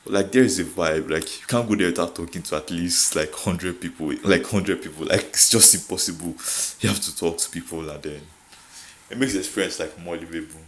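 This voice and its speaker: A young Nigerian man with a deep voice talks briskly and casually to the camera as a vlogger. He has a Nigerian accent, laughs often, code-switches, and fills his speech with "like."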